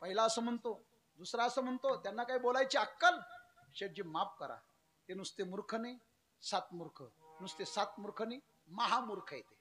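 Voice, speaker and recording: High, bright-voiced male storyteller preacher. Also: moderate pace, soft background music. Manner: emphatic, swings between loud declaiming and low narration; acts out characters' dialogue in changed voices. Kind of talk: storytelling sermon.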